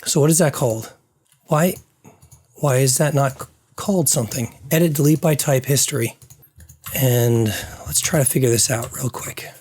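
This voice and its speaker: A man's voice: mid-range voice, normal speed, a little mellow, breathy edge. Man muttering through his work, voice fading. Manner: muttering to himself, trailing off. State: losing his voice. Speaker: game developer. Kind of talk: thinking aloud while working on screen.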